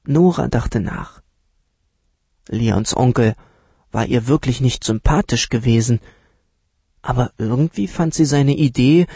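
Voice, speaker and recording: A man reading a children's story aloud in a calm, unhurried manner. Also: medium pitch, husky, dry recording. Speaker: narrator.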